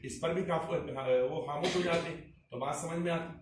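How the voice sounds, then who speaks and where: A man's voice: a little high, steady tone, moderate pace, noisy background. A man, an Islamic cleric, explaining a religious point in an emphatic, rhetorical way, putting repeated questions to a listener. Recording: echoey room, distant mic, faint ambience.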